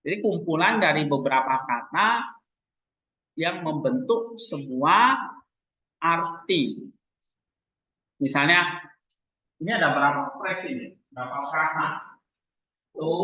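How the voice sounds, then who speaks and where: A man teaching a grammar lesson, quizzing his class with frequent "eh" fillers. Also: fairly high pitch. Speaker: Greek language teacher. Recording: roomy, dull classroom recording.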